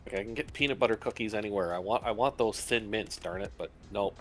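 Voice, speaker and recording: A man with a low voice rambling casually, like a streamer chatting. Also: fast, a bit bright, soft background music.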